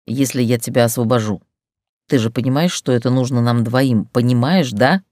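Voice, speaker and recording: A woman reading an audiobook, voicing a stern, controlled man in a lowered, clipped, commanding voice. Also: normal speed, a little mellow, no echo, clean studio sound. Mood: calm firm.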